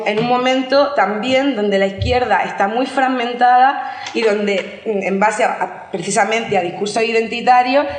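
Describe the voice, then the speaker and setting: A woman from Murcia giving a talk at a conference, speaking with many restarts and fillers. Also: mid-range voice. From Murcia, Spain. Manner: hesitant restarts, filler-heavy, engaged. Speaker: invited speaker. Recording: echoey hall.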